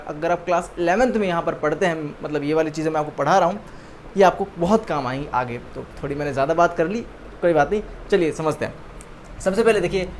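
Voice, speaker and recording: A man's voice: sits high, a little hiss or hum. A young Indian man teaching a science lesson to students, who repeats key terms and keeps quizzing the listener with questions. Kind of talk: classroom lecture to students.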